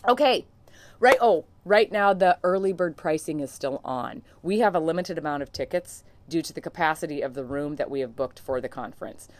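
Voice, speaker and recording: A woman's voice: low voice, a little fast, few pauses, slight background noise. A woman hosting her own podcast as a coach, talking straight to listeners in an earnest, encouraging, conversational way. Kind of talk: solo podcast monologue.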